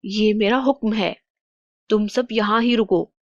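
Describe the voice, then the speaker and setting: Woman playing a commanding cartoon king, slow and firm. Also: mid-range voice, fairly even intonation, darkish tone, dry recording, muffled recording, close to an everyday voice. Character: brave, commanding young king.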